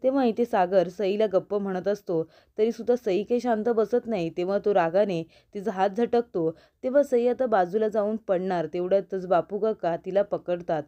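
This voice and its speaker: A woman's voice: mid-range voice, dark tone, lo-fi sound. A woman retelling a TV serial episode as a story, carrying straight on into each character's lines. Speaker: serial episode recap narrator.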